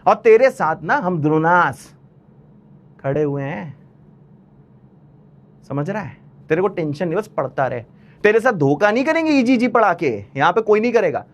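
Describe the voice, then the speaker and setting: Speaking at normal speed with frequent pauses, this man has a high, sing-song voice. He teaches maths online, teasing and chatting while bluntly encouraging students in a lecture that's also a pep talk.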